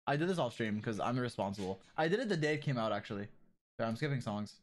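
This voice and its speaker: A man streaming a game and chatting with his viewers, excitable and teasing, swearing often and jumping between joking shouts and low mutters. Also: fast talker. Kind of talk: casual livestream chat with viewers.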